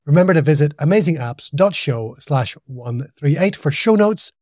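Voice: medium pitch, animated, moderate pace, a little mellow, no echo, studio quality. A podcast host, asking questions in a friendly, easygoing way. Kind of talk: casual interview chat.

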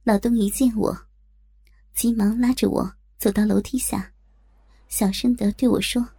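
A woman narrating an audiobook in the first person, telling the story in a lively way and voicing the dialogue herself. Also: medium pitch, a little slow, creaky, husky, dry recording.

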